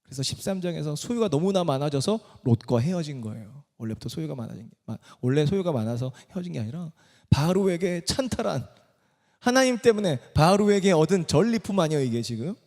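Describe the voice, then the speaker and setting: A male pastor with a fairly high voice delivers a live sermon. His preaching is emphatic and full of rhetorical questions aimed at the congregation. The sound rings with the long reverb of a large hall. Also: big pitch swings, fairly quick, darkish tone. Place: church worship service.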